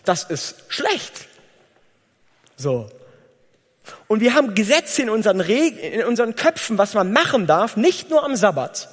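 A man preaching a sermon in a lively, conversational way, acting out little dialogues as he tells stories. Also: high voice, moderate pace. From Germany. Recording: reverberant church hall.

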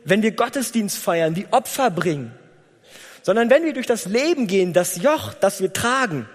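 Lively high-voiced preacher in a reverberant hall. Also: male voice, moderate pace. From Germany. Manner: lively, conversational preaching with acted-out dialogue. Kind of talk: sermon.

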